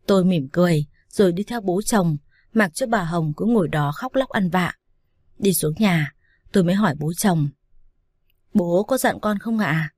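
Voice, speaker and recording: Low-voiced woman reading a story. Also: moderate pace, dry recording, clean studio sound. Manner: steady, even storytelling. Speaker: narrator. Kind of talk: scripted audiobook narration.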